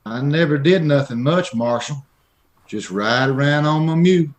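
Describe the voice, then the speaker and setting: Voicing a meek and strange little wanderer for a vintage radio Western, a man speaks with hesitation in a simple, folksy, drawl-like way. His pitch is fairly high, his speed normal, and his voice natural.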